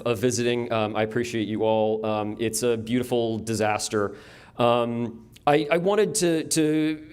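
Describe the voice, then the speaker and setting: A young man from upstate New York, a map store owner giving a casual, wry conference talk to a room, with many ums and restarts. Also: medium pitch. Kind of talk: conference presentation. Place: conference room before an audience.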